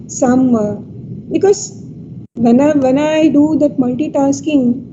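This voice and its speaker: A woman with an Indian English accent teaches a technical class in a high voice, pausing often on fillers and checking in with "okay" and "right". The audio is dull and lo-fi, with steady noise clearly audible behind her. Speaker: lecturer. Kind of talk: technical lecture.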